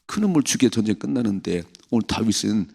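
Gravelly-voiced pastor preaching a dawn sermon. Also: male voice, on the low side, very animated, fast. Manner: acts out voices of parents, David and the devil in quoted lines; emotional, swinging between loud and hushed.

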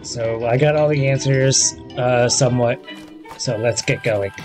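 A man in his thirties hosts a gaming video, offering casual, offhand, rambling let's-play commentary in a mid-range voice at a measured pace. Faint game music and video game audio play behind him.

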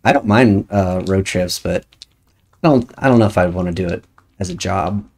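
A woman's voice: very deep voice, moderate pace, darkish tone. A woman streaming a video game, chatting casually and thinking aloud as she plays. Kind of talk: casual chat while playing a game.

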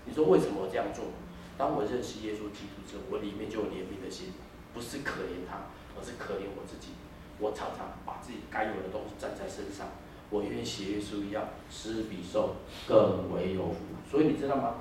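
Taiwanese man, 50s, animated church preacher; echoey hall, distant mic, faint room noise. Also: fairly low pitch, quick pace. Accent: Taiwanese Mandarin. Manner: animated, switches into Taiwanese, sings snatches. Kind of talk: sermon with storytelling and singing.

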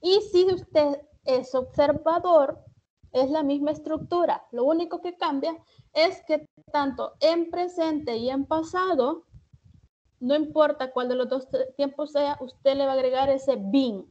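A Salvadoran woman teaches English online in a bright, high voice. She speaks slowly and deliberately and sounds out each example. The audio is dull and lo-fi, like a video call. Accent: Salvadoran Spanish. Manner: slow, deliberate, reads English examples carefully. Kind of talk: online class explanation. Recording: muffled online-class audio.

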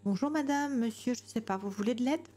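A woman's voice: on the high side, a little fast, dark tone. A woman streamer giving jumpy, chatty commentary on a horror game, talking to herself and greeting customers politely. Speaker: gamer streamer.

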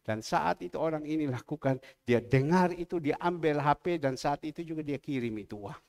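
A male pastor, preaching a sermon in a church service and telling a story in which he acts out the voices of the people he quotes. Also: brisk. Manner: animated storyteller acting out quoted voices with big pitch swings.

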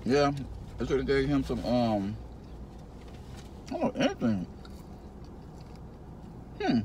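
A man's voice: medium pitch, huge pitch swings, takes it slowly, a little mellow, a little hiss or hum. A middle-aged man hosting a casual food review from a car, talking with his mouth full while chewing in an easygoing way. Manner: laid-back, easygoing talk.

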